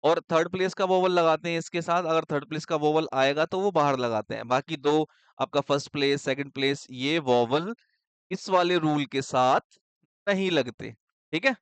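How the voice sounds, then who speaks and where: Guy teaching shorthand, smooth voice, keeps asking then answering himself, dry close mic. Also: fairly high pitch, moderate pace, dry recording. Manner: asks pupils questions and answers them himself, checks with "thik hai?". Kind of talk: casual explanatory lecture.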